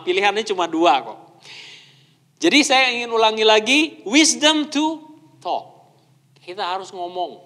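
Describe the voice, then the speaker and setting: A man preaches to his congregation in a fairly high voice, asking them questions as he goes. He drops English phrases into his sermon. The church hall adds a long, lingering reverb. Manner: mixes Indonesian with English phrases; animated, asks the congregation questions. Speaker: pastor.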